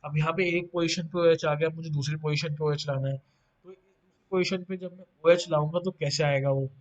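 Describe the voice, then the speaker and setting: A man's voice: fairly high pitch, steady tone, brisk. A man teaching a pharmacy lecture, asking the class questions and answering them himself, with playful asides. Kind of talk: online lecture. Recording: dull lo-fi audio.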